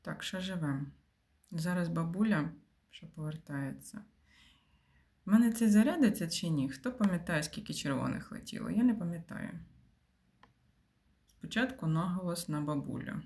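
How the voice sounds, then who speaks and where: A woman's voice: on the low side, lively intonation, normal speed, pauses often, darkish tone. A woman giving casual commentary while playing a puzzle game, thinking aloud and often dropping to a mutter or whisper. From Ukraine. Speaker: game streamer.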